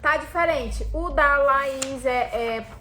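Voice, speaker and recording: A woman's voice: sits high, takes it slowly, sharp tone. A woman, a mother talking to her viewers in a chatty, playful family vlog.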